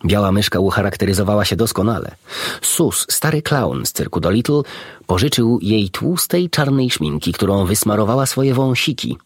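A man narrating a children's storybook in an expressive, animated reading. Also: lowish voice, moderate pace, breathy edge, no echo, clean studio sound. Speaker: audiobook narrator.

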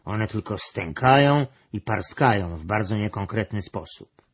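A man's voice: on the low side, animated, measured pace, husky. A man reading a storybook aloud, voicing a grumbling, dismissive male creature, in a dull lo-fi recording. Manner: muttering, dismissive.

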